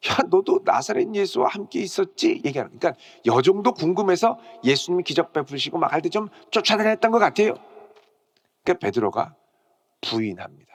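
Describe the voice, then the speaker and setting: A middle-aged man preaching with a high, restless voice that leaps up and down in pitch. He turns from raised, urgent lines to near-whispers, and slips into character when he quotes someone. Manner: dramatic, swings from loud to hushed whispers. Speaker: pastor. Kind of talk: morning devotional sermon.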